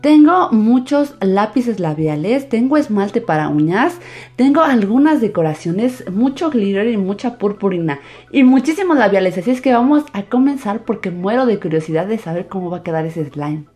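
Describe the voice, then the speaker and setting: A woman hosting a children's craft channel, giving an upbeat, bright, sing-song welcome with drawn-out words. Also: mid-range voice, animated. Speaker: host of a children's slime and makeup channel.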